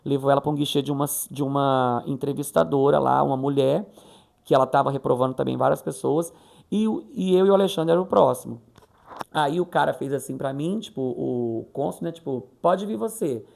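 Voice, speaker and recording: A man's voice: medium pitch, fairly quick, vocal fry, darkish tone. A man from Brazil chatting casually in a vlog, retelling a conversation and acting out the quoted voices. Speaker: vlogger.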